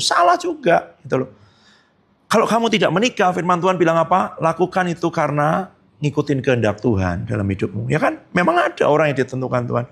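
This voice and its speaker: A male pastor preaching a sermon at a church service, lively and colloquial, often jumping high in pitch and acting out quotes. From Indonesia. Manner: colloquial, frequent tag phrases.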